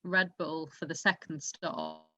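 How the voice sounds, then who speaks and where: A woman hosts a casual motorsport podcast, talking things through in an analytical, explanatory way. Her low voice swings widely in pitch and sounds pushed and bright as she takes it slowly, with no echo. The audio is dull, muffled, and lo-fi.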